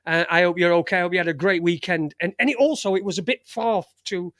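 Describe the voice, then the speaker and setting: This is a fast, high-pitched male voice with a fairly bright tone, recorded at studio quality with no room sound. The speaker, an Englishman in his forties with a Sheffield accent from Yorkshire, runs a live stream and talks casually to his chat. He's chatty and swears often, trailing off with plenty of fillers and false starts.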